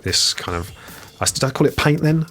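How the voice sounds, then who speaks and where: A man's voice: mid-range voice, expressive, moderate pace, a bit bright, soft background music. A man, a guest game designer, chatting thoughtfully on a podcast with many fillers and restarts. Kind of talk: casual podcast chat.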